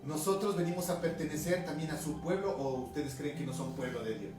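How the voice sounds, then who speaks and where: Male Ecuadorian pastor, highland accent, conversational sermon, somewhat high voice, recorded off-mic in a reverberant hall. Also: fairly quick. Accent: Ecuadorian highland Spanish. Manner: conversational preaching, reading scripture aloud, frequent tag questions. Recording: echoey room from a distance, music behind.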